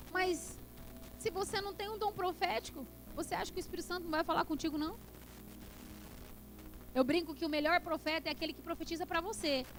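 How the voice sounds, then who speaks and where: A woman's voice: extremely high pitch, fairly bright tone. A woman pastor preaching a passionate sermon that builds to emphatic peaks in a church. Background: worship music.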